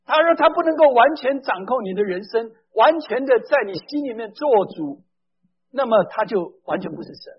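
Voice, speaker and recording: A man's voice: very high voice, animated, normal speed, husky. A man preaching a sermon, speaking emphatically, putting questions straight to his listeners and mixing in English phrases. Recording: dull lo-fi recording.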